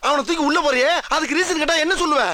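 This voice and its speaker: An actor playing a boastful, bumbling middle-aged head constable in a film comedy, talking pompously and turning sentimental. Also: male voice, very high-pitched, rapid-fire, background noise. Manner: pompous, self-important, sentimental. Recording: film soundtrack with music.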